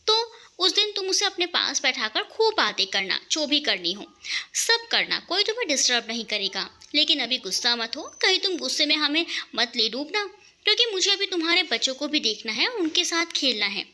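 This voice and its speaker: A woman's voice: sits high, sing-song, moderate pace, pushed and bright, heavily acted. A woman voicing a fond elderly grandmother in a romantic audio story, giving soothing, affectionate advice. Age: older.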